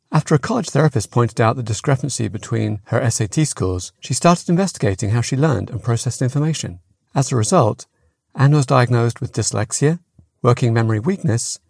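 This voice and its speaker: A man hosts an interview podcast in a mid-pitched voice with noticeable creak. The sound is close and dry, and he moves between scripted introduction and plain questions. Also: darkish tone, no room sound. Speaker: podcast host.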